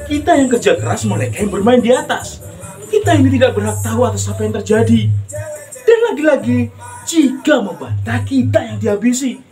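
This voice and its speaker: An actor playing a bitter, sardonic working man, declaiming in a grandiose theatrical monologue with drawn-out phrases. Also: very high voice, a little mellow, soft background music. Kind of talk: theatrical monologue, stage acting.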